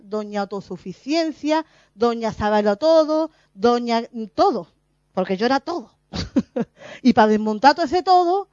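Woman preaching, high voice, laughs a lot, dry muffled sound. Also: dry recording. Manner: animated, laughs often, acts out her own past voice. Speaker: lay preacher. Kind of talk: spontaneous spiritual testimony. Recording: dull, muffled dry recording.

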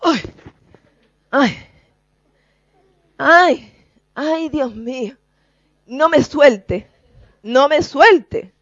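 A woman's voice: lively intonation, normal speed, hardly any pauses, no echo, dull audio. A woman preacher voicing a panicked drowning person who wails desperately for help. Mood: pleading. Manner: wailing, high and desperate.

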